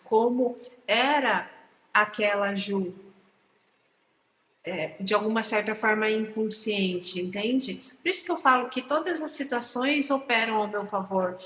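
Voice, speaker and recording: A woman's voice: on the high side, a bit bright, reverberant, big-room sound, a little hiss or hum, rough recording. A woman talking in a casual, reflective vlog, often repeating words and asking her listener if they understand. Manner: reflective, repeats words, frequent "entende?" tags. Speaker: channel host. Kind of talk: casual personal vlog on manifestation.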